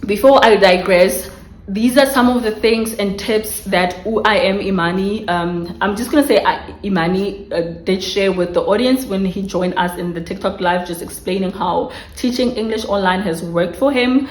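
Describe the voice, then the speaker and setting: A South African woman with a mid-range voice, speaking at normal speed, gives career tips to her viewers from a room at home beside a street. She's chatty, addresses viewers directly, and often restarts her phrases. The recording is low quality with a roomy sound.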